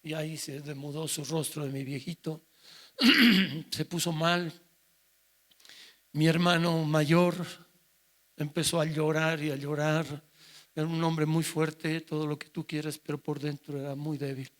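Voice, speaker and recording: A man's voice: on the high side, fairly even intonation, unhurried, pauses often, fairly bright tone. A male pastor, telling a personal story in a sermon and acting out the dialogue. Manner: emotional personal storytelling, acts out quoted dialogue.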